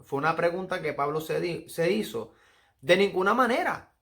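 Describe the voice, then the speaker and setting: A preacher from Puerto Rico, speaking with a Puerto Rican Spanish accent, leads an earnest Bible study sermon, teaching and reading verses aloud slowly. His voice sits high, expressive and fairly bright.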